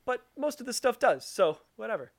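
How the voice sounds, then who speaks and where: A man with a high voice talks through a cartoon episode in casual podcast chat. He sounds wry and a little rambling, and laughs often. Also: big pitch swings, fairly quick, vocal fry. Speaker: podcast co-host recapping a cartoon.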